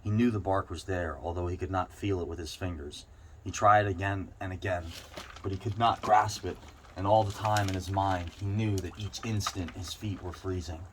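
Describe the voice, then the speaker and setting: A man's voice: deep voice, fairly even intonation, moderate pace, low-quality recording. A man reading a short story aloud, now and then stumbling over a word and going back over it. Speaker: reader. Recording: clear background noise.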